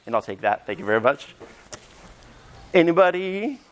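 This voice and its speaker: A man presenting a hands-on teacher training workshop, upbeat and energetic as he demonstrates to a room of teachers. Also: on the high side, normal speed, slight background noise. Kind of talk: live teacher training session. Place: conference room with audience.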